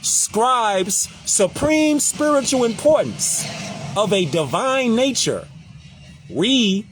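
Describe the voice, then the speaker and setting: Casual host, high animated voice, preachy and slangy. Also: male voice, takes it slowly, noisy background. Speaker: social media commentator. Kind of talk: casual live-stream talk, reading definitions aloud.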